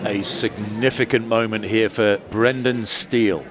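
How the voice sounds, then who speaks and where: A man commentating on live golf as a play-by-play announcer, moving between measured description and excited lifts. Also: on the low side, crowd noise, background noise. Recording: commentary over music and outdoor ambience. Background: music.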